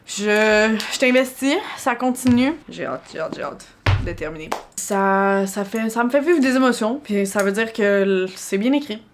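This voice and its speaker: With a mid-range voice at normal speed, and a little hiss or hum in the recording, a young Québécois book vlogger reacts to her reading. She sounds casual and firmly opinionated, mixing English phrases into her French.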